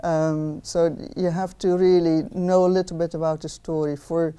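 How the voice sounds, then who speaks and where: Speaking at a public talk in an outdoor garden, a philosopher of art and interviewer from the Netherlands uses a fairly low, smooth, mellow voice with little pitch movement at normal speed. Her Dutch accent comes through, and she often hesitates with ums and restarts.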